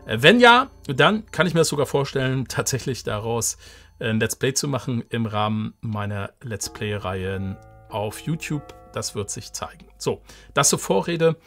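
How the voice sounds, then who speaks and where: Ein Mann, der locker und laut denkend ein Spiel im Livestream kommentiert, mit vielen Ähs. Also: male voice, medium pitch, animated, moderate pace, fairly bright tone, faint music behind. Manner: chatty, hesitant fillers, thinking aloud. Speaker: let's player, livestream host. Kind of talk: casual live gameplay commentary.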